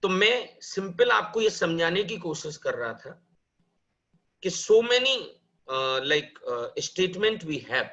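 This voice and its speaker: A man's voice: sits high, very animated, slow, fairly bright tone, muffled recording. A man teaching a live programming class, explaining step by step, asking questions and answering them himself. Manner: mixes Hindi and English, calls students "bhai" and "beta".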